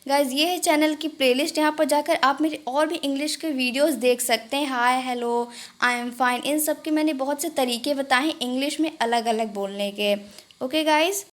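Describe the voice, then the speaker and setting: High-voiced woman teaching English phrases. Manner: says each English phrase slowly and repeats it; addresses viewers as "guys" often. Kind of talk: casual spoken-English lesson.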